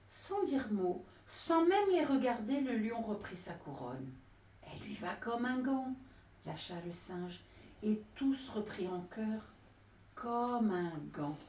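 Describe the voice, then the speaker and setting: A woman's voice: fairly high pitch, darkish tone, far from the mic. A woman reading a children's picture-card story aloud, giving each animal its own voice. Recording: roomy echo, voice off-mic.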